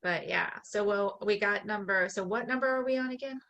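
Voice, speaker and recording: A woman with a mid-range voice follows a tapping session, echoing each affirmation back at an easy pace. Afterwards she talks in a relaxed, casual way and laughs readily. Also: mid-range voice, a little fast, creaky, highs cut off. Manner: relaxed, laughs easily, repeats phrases back. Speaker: co-host of a tapping challenge. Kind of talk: repeating tapping affirmations, then casual chat.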